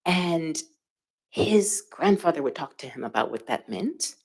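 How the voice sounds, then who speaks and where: A woman with a low, deep-set voice speaks as a panelist. She tells her story in a reflective, unhurried way, pausing often and filling gaps with "um" and "you know". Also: very animated, darkish tone, husky. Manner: reflective, thoughtful storytelling with frequent fillers. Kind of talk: panel discussion.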